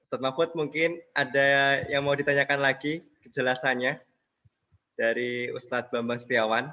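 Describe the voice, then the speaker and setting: A man's voice: mid-range voice, steady tone, moderate pace, pushed and bright, dull audio. A man moderating a question session, polite and brief as he reads out a question.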